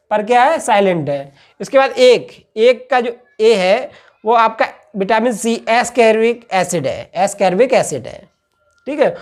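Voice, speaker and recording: Male lecturer, patient and repetitive, asks questions then answers them. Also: sits high. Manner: repeats "ठीक है" after each point. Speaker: teacher. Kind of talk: classroom-style lecture.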